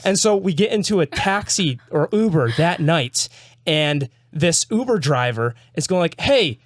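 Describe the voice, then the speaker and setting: A young man hosting a casual chat, telling a story in an animated way with quick restarts. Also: a little high, dry recording, clean studio sound. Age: young adult. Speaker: host.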